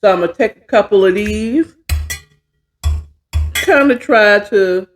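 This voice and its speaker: Soft music plays behind this unhurried, mid-range female voice. She's a middle-aged American storytelling-show host with a folksy, casual manner, frequently muttering to herself while she works.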